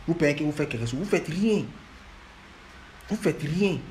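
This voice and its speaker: A man's voice: on the high side, expressive, measured pace, a little mellow, slight background noise. Scolding man lecturing fans. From Ivory Coast. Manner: scolding, repetitive, emphatic.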